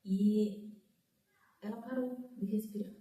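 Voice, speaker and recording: A woman's voice: fairly even intonation, slow, warm tone. A woman giving an emotional personal testimony as a guest, acting out the voices in her story. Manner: storytelling, acts out quoted speech with rising pitch. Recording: echoey room, mic at a distance.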